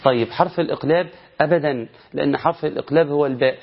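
A man with an Egyptian Arabic accent teaching Quran recitation rules in a lively, question-and-answer style, drawing out words to demonstrate them. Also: a little high, very fast, gravelly, dull audio. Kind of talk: colloquial recitation lesson.

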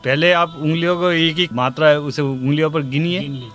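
A man teaching tabla in a spoken music lesson, calmly explaining rhythm cycles and slowly reciting the drum syllables. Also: on the high side. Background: tabla playing.

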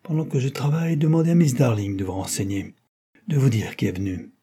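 A man voicing a mischievous mechanic in an audiobook, raising his pitch for cheeky banter. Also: fairly quick, warm tone, husky.

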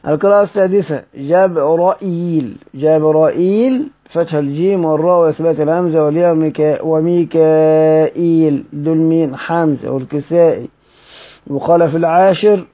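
A man with an Egyptian accent teaching a lesson on Quranic readings, halting and drawing out each word form slowly. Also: on the high side. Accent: Egyptian Arabic. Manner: halting, restarts words, drawls out the names of readings slowly. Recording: dull lo-fi recording.

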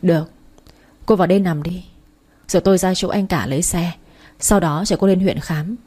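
A woman's voice: fairly low pitch, fairly even intonation, moderate pace, warm tone, slightly rough. Woman reading a stern scolding young man. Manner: clipped, scolding. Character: stern young husband, angry and curt.

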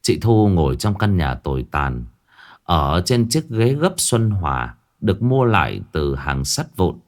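A man narrating a horror story in an expressive, colloquial way. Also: low-pitched, measured pace.

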